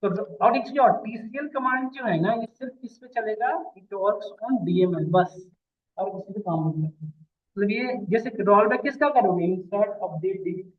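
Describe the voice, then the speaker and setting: A man's voice: high voice, normal speed. A man teaching a database class, calling students "beta" and checking that they follow. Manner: addresses students as beta, asks checking questions. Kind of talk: classroom lecture. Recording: distant mic, phone-like lo-fi sound.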